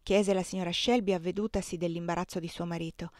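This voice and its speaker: A woman reading a classic novel aloud as an audiobook, narrating calmly and evenly. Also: fairly low pitch, quick pace, dry recording, studio quality. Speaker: reader.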